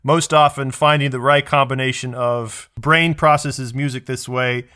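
A man's voice: medium pitch, steady tone, normal speed, sharp tone, clear, resonant tone. A man co-hosting a podcast in casual chat, rambling and searching for words as he thinks aloud. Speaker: podcast co-host.

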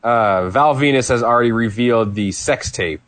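A man co-hosts a chatty podcast, explaining things in a relaxed, knowing way with plenty of fillers. His voice sits in a middle pitch and sounds dry and close to the mic. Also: moderate pace, no echo. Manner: relaxed, knowledgeable, easygoing with fillers. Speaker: podcast co-host. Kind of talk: casual chat about old wrestling.

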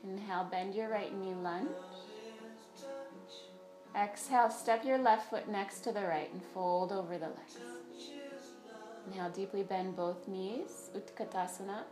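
A woman's voice: medium pitch, steady tone, unhurried, pauses often. A woman teaching a guided yoga class, giving step-by-step directions and breath counts. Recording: roomy echo, faint music behind.

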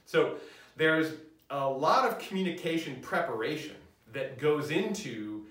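A man's voice: on the high side, lively intonation, a little slow, a bit bright. A man giving a conversational university lecture, with many fillers and restarts, recorded in a classroom. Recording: roomy echo, mic at a distance.

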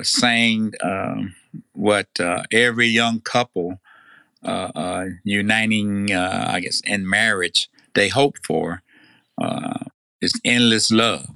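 A man's voice: lowish voice, vocal fry, sharp tone, smooth, dry recording. An older man with a Tennessee Southern accent, chatting casually in hesitant, folksy phrasing. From Tennessee, United States. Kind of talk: casual chat.

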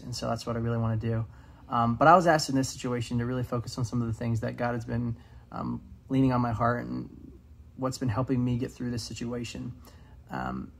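A man's voice: medium pitch, gravelly, a little hiss or hum. A young man in his twenties giving an earnest devotional talk, casual and full of fillers. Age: 20s. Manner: earnest, many "um"s, reads scripture aloud. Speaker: student devotional speaker.

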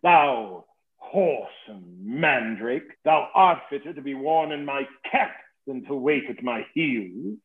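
A man's voice: mid-range voice, lively intonation, slow. A man playing a boastful, witty old knight, mocking and savoring his insults in a theatrical play reading. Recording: tinny phone-like sound in an echoey room.

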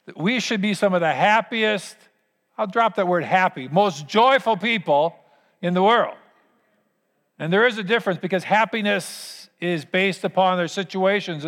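A man preaching a sermon as pastor, with earnest, emphatic phrasing and deliberate pauses. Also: sits high, fairly bright tone. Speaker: pastor leading a church service. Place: large church hall. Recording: long hall reverb.

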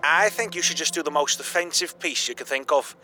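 Male actor as John-type pal: high, bright, defensive whiner who squeals when riled. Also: a little fast, soft background music. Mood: scheming. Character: whiny indignant male friend on the phone. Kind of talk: audio drama acting.

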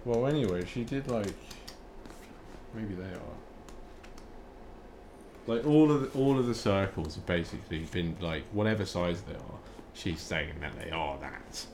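A man, a painter, chatting about art in a dry, hesitant, low-key way. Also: measured pace, pauses often, a little mellow, echoey room, a little hiss or hum, poor audio. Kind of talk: casual chat.

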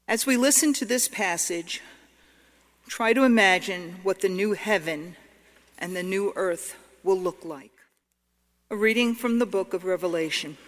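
Female lector, solemn and deliberate, slow formal reading in a highly reverberant church. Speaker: scripture reader at church service. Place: large church. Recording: long cathedral-like echo of large space.

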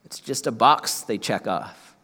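A man's voice: lowish voice, unhurried, sharp tone, husky, in a whisper. A man from Ohio preaching a sermon as pastor, earnest, often repeating words as he restarts. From Ohio, USA. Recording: long hall reverb.

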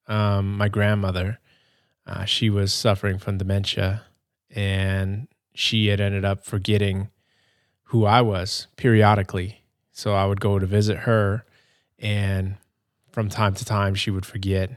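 Male podcast host, young adult, low voice, hesitant chatty delivery. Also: no room sound, clean studio sound. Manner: rambling, hesitant, many fillers and restarts. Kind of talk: casual gameplay commentary.

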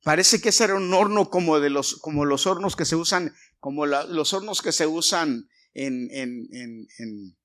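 Mexican preacher telling a Bible story. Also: male voice, a little high. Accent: Mexican Spanish. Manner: storytelling with many pauses, swings from hushed to loud. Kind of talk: sermon.

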